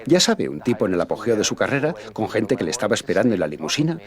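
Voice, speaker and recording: A man's voice: lowish voice, big pitch swings, quick pace. A man being interviewed, telling a personal anecdote in a storytelling manner. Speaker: interviewee recounting a memory. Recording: crowd noise in the background.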